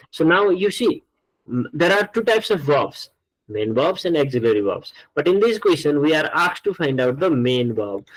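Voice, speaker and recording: Male grammar tutor, Nepali accent, moderately high-pitched voice, instructive online-class delivery with emphatic repetition. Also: poor audio. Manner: didactic, repeats points for emphasis. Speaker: English grammar teacher. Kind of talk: online lesson, explanatory.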